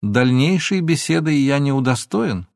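A man's voice: medium pitch, expressive, measured pace, creaky, a little mellow, no echo, voice pushed up. A man voicing a cold, sarcastic philologist. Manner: dry, sarcastic. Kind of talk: audiobook reading.

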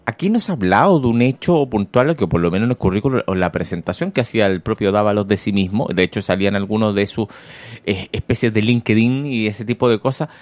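A man's voice: fairly low pitch, fast, dry recording. A man with a Chilean accent hosting morning radio, chatting wryly about politics and reading listener messages aloud. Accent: Chilean Spanish. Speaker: radio host. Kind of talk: casual morning radio commentary.

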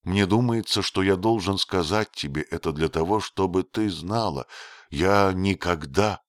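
A man voicing a proud young husband and hunter, speaking in an earnest, measured way. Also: deep voice, no room sound, studio quality. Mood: hesitant.

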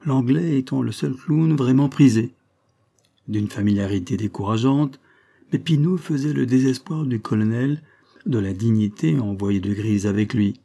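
A man's voice: medium pitch, normal speed, creaky. A man reading a short story aloud as an audiobook, lifting his voice for the dialogue. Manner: lively, raises his voice for the dialogue. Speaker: reader.

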